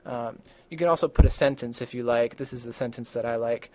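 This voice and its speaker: Chatty male tutor, mid-pitched voice. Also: brisk. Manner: relaxed and chatty, with many fillers and restarts. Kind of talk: casual vocabulary lesson.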